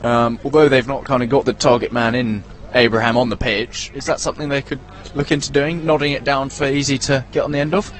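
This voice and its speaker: A man's voice: mid-range voice, steady tone, fairly quick, few pauses. A man giving live play-by-play commentary at a football ground, chatty and prone to stumbling over player names.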